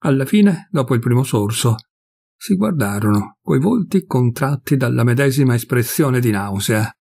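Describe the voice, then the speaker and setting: A man reading a classic short story aloud in a measured, expressive way. His mid-range voice has a gravelly texture. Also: mid-range voice. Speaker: audiobook reader. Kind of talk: literary audiobook narration.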